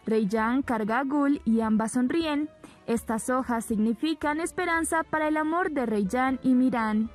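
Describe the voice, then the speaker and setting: A woman narrating a soap opera recap in a steady storytelling way. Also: high voice, normal speed. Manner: steady storytelling, repeating "le dice". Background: soft background music.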